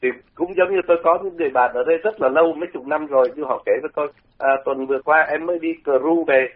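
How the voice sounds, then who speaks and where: A man's voice: fairly high pitch, fast. An older man from Vietnam, talking on the radio and explaining pronunciation in a conversational way, often repeating words to demonstrate them. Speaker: radio commentator. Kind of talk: radio talk, explaining language. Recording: phone-like radio line.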